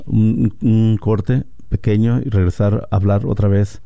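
A man's voice: little pitch movement, unhurried. A man hosting a radio interview and asking his guest questions. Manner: gravelly, low and dark. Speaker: radio host.

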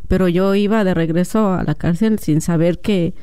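A woman's voice: fairly low pitch, moderate pace, smooth, no echo. A woman who is a radio guest, telling a personal story and acting out the dialogue. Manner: animated storyteller, acts out dialogue.

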